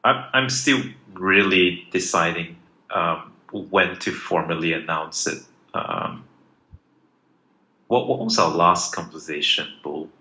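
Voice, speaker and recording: Low-voiced hesitant man in an echoey room. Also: slow pace, sharp tone. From Malaysia. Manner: hesitant, many fillers and restarts. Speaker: project founder. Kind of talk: casual live Q&A answers. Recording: echoey room with faint noise.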